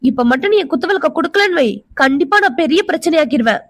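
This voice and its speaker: A woman plays a feisty young cartoon woman with a very high voice who accuses and argues sharply and can break into tears. The sound is dry and close. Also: expressive, fast talker, no room sound. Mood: accusing. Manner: accusing and tearful.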